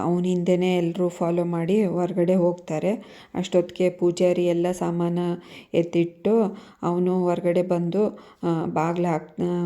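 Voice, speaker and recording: Monotone woman retelling a serial. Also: on the low side. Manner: monotone, steady retelling with fillers. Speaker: serial recap narrator. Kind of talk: casual story retelling.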